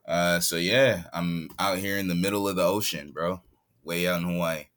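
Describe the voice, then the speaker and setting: A rapper from San Diego, California, now living in Hawaii, joins a podcast by remote call from home, chatting casually, laid-back and quick to laugh. His deep voice holds a steady tone at normal speed and sounds fairly bright.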